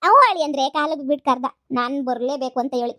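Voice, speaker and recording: A woman's voice: high-pitched, fast talker, pushed and bright. A woman voicing a scheming, greedy mother in a cartoon comedy, nagging and wheedling. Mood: boastful. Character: scheming greedy rural mother, middle-aged.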